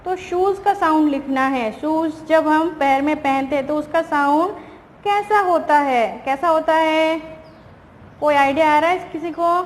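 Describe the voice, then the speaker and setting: Reading English sentences at a slow pace and then explaining them in Hindi, a high-voiced primary school teacher patiently runs a recorded online lesson for young kids. She answers the questions she herself asks. Reverb from the room and faint background noise are present.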